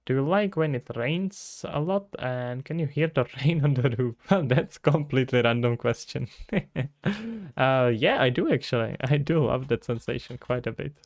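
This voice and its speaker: At a moderate pace and in a mid-range voice, a Czech-accented man casually talks through a live game development stream, thinking aloud and responding to chat questions. He's from the Czech Republic, and the recording is dry.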